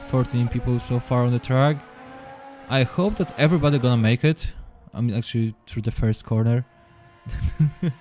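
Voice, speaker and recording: Commentating a sim racing esports session live, this man, whose first language is Polish, speaks non-native English with frequent restarts and repeated words. His delivery is halting and apologetic. His voice is on the high side with a darkish tone.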